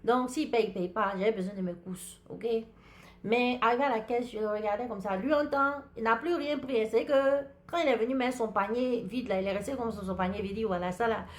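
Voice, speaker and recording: Her voice sits on the high side and moves at a brisk clip. An African woman with an African French accent, she hosts a podcast, talking to her audience directly as she chattily and vividly narrates a personal story in casual monologue form.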